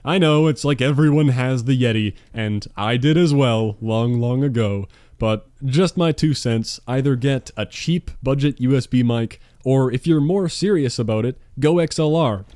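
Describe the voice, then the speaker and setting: A man's voice: mid-range voice, normal speed, darkish tone, no room sound. A man in his twenties, a gaming YouTuber answering viewer questions in a casual monologue, with dry, sarcastic, self-mocking humor, recorded at home on a dynamic studio mic. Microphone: dynamic studio mic on a stand.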